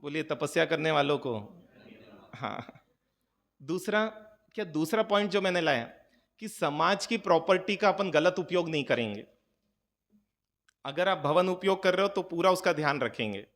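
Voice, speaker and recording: A man's voice: a little high, animated, moderate pace, creaky, long pauses, a bit bright. A man preaching as a Jain monk to a gathering, talking casually, joking and throwing rhetorical questions at his listeners. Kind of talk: conversational sermon to a gathering. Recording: long hall reverb.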